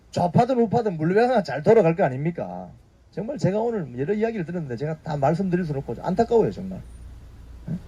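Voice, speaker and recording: A man in his fifties hosts a casual YouTube news briefing, offering spoken commentary and prodding viewers with short tag questions. His voice sits high with a dark, slightly rough tone, and the highs are cut off.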